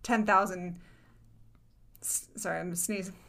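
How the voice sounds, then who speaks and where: A woman in casual debate, hedging often, filling with "like," and letting sentences trail off softly. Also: fairly low pitch, fairly even intonation, a little slow, creaky.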